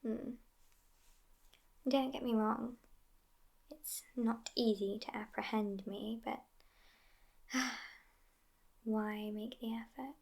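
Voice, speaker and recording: Playing a sassy yet affectionate immortal vampire girlfriend in ASMR roleplay, a woman uses an exaggerated voice and takes it slowly with long pauses. Her fairly high voice is hushed and often whispering, languid and even with gravelly creak, and the mood is wry and relaxed.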